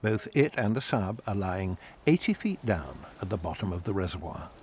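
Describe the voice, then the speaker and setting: A man's voice: sits low, big pitch swings, moderate pace, darkish tone. A man reading dramatic scripted documentary narration.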